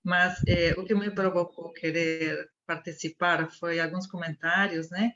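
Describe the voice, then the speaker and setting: A woman's voice: lowish voice, steady tone, measured pace, background noise. A woman in her fifties from Argentina, giving a thoughtful comment in an online discussion and searching for her words. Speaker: meeting participant. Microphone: video call. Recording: muffled video call audio.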